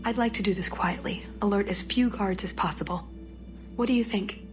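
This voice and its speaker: Over music, a woman acts as a wry, determined young female elf in a video game, speaking dryly and earnestly in a serious, guarded mood. Her natural voice is medium-pitched and fairly quick.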